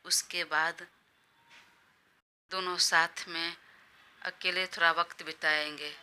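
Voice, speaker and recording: A woman narrating a romance audio story in a steady, plain way. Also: lowish voice, takes it slowly, smooth.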